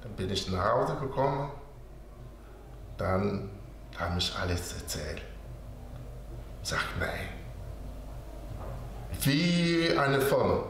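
Slow halting man in an echoey room. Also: low-pitched, expressive, gravelly, a bit bright. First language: not German. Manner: slow, hesitant, with many fillers and quoted dialogue. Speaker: interview guest. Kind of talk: halting storytelling in broken German. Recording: very echoey room with faint background noise.

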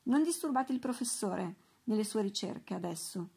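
A woman's voice: mid-range voice, lively intonation, moderate pace, gravelly, mellow, husky. Woman voicing an earnest young lab assistant. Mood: insistent.

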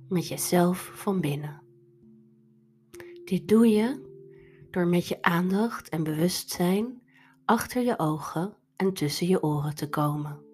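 A woman leading a guided meditation in a soft, breathy, soothing delivery over instrumental music. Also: lowish voice.

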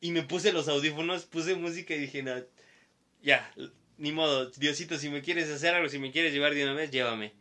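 Animated young Mexican man telling a story. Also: on the high side, normal speed. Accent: Mexican Spanish. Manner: animated storyteller, acts out quoted voices, laughs often. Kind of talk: casual chat.

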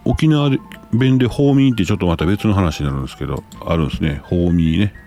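A man's voice: low-pitched, quick pace, mellow, soft background music. A man with a Kansai accent, hosting a casual live stream, reading listener messages aloud and exclaiming often as he reacts.

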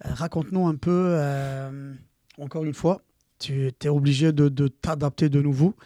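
A man hosting an interview, asking long, halting questions full of fillers and repeated words. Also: a little high, fairly even intonation, dark tone. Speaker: podcast host. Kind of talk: casual interview.

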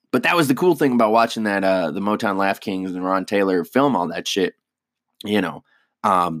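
A man's voice: low voice, fairly bright tone, no room sound, studio quality. A man, a stand-up comedian, chatting casually and rambling with lots of swearing and self-deprecating asides. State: hiccups. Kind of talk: casual solo podcast chat.

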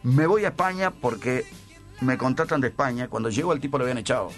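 A man's voice: mid-range voice, fast talker. Man, Rioplatense accent, older, anecdotal, stumbles and repeats words, radio interview, faint music. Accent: Rioplatense Spanish. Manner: chatty, anecdotal, repeats words while searching. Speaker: radio guest, former sports broadcaster. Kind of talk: casual radio interview storytelling.

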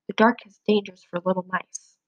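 A woman's voice: medium pitch, steady tone, normal speed, no room sound, dull audio, natural voice. A protective eldest brother mouse from a storybook gives firm instructions, always in charge. A woman reader voices him in a mid-height voice. It is recorded close and dry. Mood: cautious.

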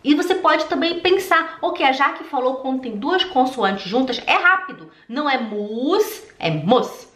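Woman, German teacher, emphatic drills, high-ish voice, echoey room. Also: animated, fairly bright tone. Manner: emphatic, repeats drill words slowly for contrast. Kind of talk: casual video lesson.

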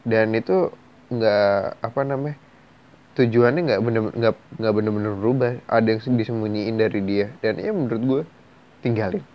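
A man's voice: on the low side, moderate pace. A man, a host giving blunt, frank advice on viewers' stories in casual slang. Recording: slightly dull lo-fi recording.

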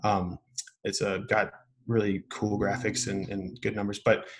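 A man's voice: fairly low pitch, little pitch movement, a little slow. A man answering interview questions on a podcast, explaining steadily with frequent ums. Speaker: podcast guest, business owner. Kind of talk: casual interview talk.

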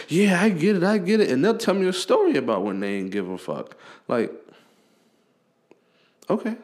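A man hosts his own podcast in a loose, profane rant. His pitch swings a lot as he talks, and his delivery stays blunt and animated. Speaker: podcast host. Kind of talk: casual ranting monologue.

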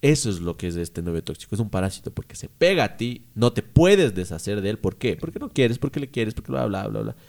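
A young man, co-hosting a podcast in casual chat, slangy and quick to swear. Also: fairly low pitch, gravelly. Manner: animated, slangy, swears freely. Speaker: podcast co-host.

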